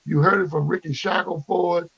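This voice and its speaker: Husky motivational life-coach man, exhorting. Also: sits high, fairly even intonation, normal speed, fairly bright tone, dry recording, highs cut off. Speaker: guest, motivational speaker.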